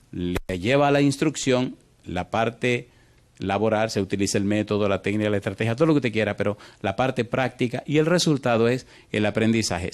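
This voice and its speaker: This sermon comes from a man speaking as pastor in a mid-range voice, with plenty of animation. He quizzes the congregation with repeated yes-or-no prompts while his pace jumps between hurried and drawn-out.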